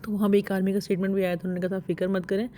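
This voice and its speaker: Soft-spoken, chatty woman vlogger. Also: medium pitch, flat delivery, rapid-fire, a little hiss or hum. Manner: chatty, homely, many fillers like "to ji". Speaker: home vlogger. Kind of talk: casual daily-life vlog narration.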